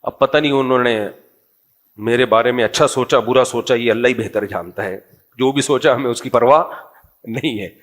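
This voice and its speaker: A middle-aged man, a religious scholar, giving a humorous, conversational religious talk and quizzing his audience. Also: mid-range voice.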